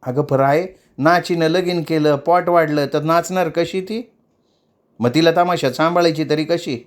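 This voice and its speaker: A man's voice: fairly high pitch, fairly even intonation, moderate pace, pitched above the performer's own voice, lightly acted. A man voicing an older mother who runs a tamasha troupe, scolding bluntly in rural dialect.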